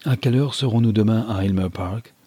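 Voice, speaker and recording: A man voicing a gentle, firm young woman. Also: on the low side, brisk, slightly rough, no room sound. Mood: gentle, pleading.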